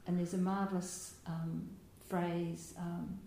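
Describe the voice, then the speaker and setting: A woman giving a Buddhist dharma talk as a meditation teacher, speaking gently and reflectively, with soft laughs and small hesitations. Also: fairly low pitch, level tone, slow, gravelly. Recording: roomy hall with faint background noise.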